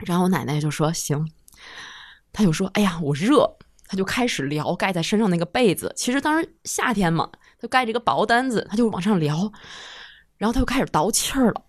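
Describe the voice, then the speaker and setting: A woman in her thirties, a guest on a talk show, telling an emotional personal story in a halting, heartfelt way. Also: medium pitch, expressive, no echo, clean studio sound. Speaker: guest listener.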